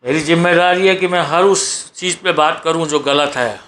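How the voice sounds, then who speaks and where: A man talks straight to his viewers from his sofa at home in a preachy vlog monologue. His voice sits a little high and comes across tense and pushing. He keeps repeating phrases and firing off rhetorical questions. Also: moderate pace, fairly bright tone, slight background noise. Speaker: vlogger. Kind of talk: exhortative monologue.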